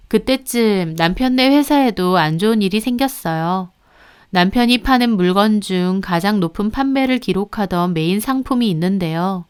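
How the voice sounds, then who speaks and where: A woman narrating a dramatized first-person story with an expressive telling. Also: mid-range voice, clear, resonant tone.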